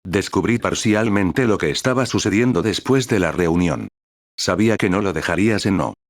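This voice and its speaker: A man voicing a calm, serious young male captain who speaks in a composed, measured way. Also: low voice, dry recording, studio quality.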